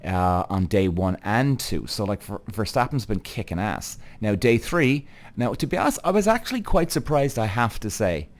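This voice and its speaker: A man's voice: on the low side, big pitch swings, normal speed, hardly any pauses. A man from Cork with an Irish accent hosts his own show, giving casual, emphatic and sweary motorsport commentary straight to his audience. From Cork, Ireland. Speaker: show host.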